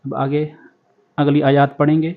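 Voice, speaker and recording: A man teaching Quran recitation with tajweed, chanting verses slowly and drawn out, then explaining the rules in quick speech. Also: a little high, little pitch movement. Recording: dull lo-fi sound.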